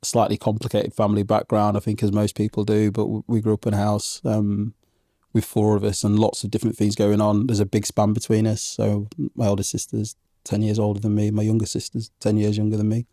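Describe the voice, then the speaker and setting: Low, mellow-voiced man. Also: completely flat delivery, fairly quick, no room sound, studio quality. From Zambian parents, raised in England from age one. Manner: reflective, hesitant with many ums and restarts. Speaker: podcast guest. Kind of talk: conversational interview.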